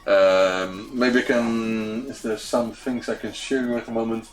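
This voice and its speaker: A man with a Dutch accent talks off the cuff as a livestream host. His voice sits a little low. He hesitates often while searching for the next word, and soft music plays faintly behind him. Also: fairly even intonation, measured pace. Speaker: host of a weekly retro computing live show. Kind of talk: unscripted livestream chat.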